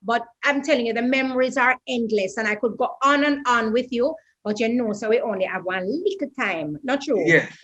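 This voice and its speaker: A woman hosting a show, chatting in lively, jokey banter with her guest. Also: fairly high pitch, brisk, few pauses, dull audio. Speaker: host. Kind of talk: casual chat.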